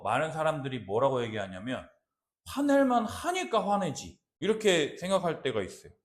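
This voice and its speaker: A male pastor preaching a sermon, acting out quoted dialogue and asking the congregation rhetorical questions. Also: a little high. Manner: animated, acts out quoted lines, asks rhetorical questions. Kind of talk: expository sermon.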